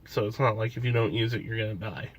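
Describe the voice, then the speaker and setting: A man's voice: lowish voice, quick pace, a little hiss or hum. A young man with a stuffy nose, talking casually in a vlog and rambling with fillers and restarts. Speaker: vlogger.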